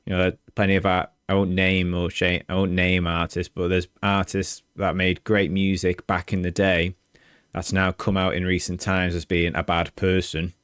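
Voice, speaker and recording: Very deep male podcast co-host, measured and reflective, dry close sound. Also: monotone, a bit bright, clean tone, no echo. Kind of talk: casual chat about game music.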